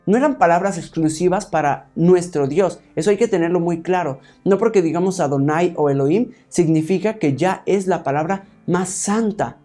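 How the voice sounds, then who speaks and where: A man's voice: high-pitched, moderate pace, hardly any pauses, warm tone, soft background music. A man preaching a Bible teaching sermon, explaining point by point and often checking with his listeners. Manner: explains step by step, asks the congregation "¿sí?"; addresses listeners as "hermanos".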